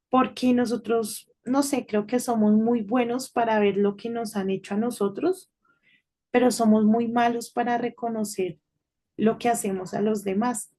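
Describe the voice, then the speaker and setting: A woman's voice: on the high side, mellow. Chatty woman telling a devotional. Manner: chatty storytelling with frequent tag questions. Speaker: children's devotional speaker. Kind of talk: informal devotional talk to children.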